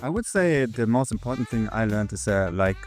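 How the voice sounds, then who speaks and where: A man's voice: fairly low pitch, expressive, a little fast, darkish tone, soft background music. A man from Germany giving a casual, slightly hesitant testimonial as a program participant.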